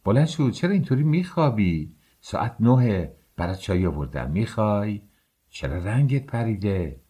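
A man's voice: fairly low pitch, expressive, dark tone, husky. A man voicing a chatty, blunt female house servant in an audiobook, asking question after question. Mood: nagging.

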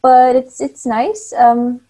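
A Bulgarian woman in her twenties, a native Bulgarian speaker, appears in English as a guest cosplayer in a casual interview, friendly and chatty with light laughs. Her voice is high and dark-toned, with a flat, slow delivery.

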